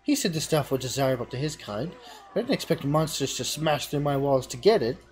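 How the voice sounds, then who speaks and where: A man's voice: on the high side, animated, a little fast, darkish tone, faint music behind, lightly acted. A man voicing a fretful innkeeper. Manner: indignant, apologetic tavern talk. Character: fretful innkeeper bemoaning cursed cheese. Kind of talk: reading game dialogue aloud.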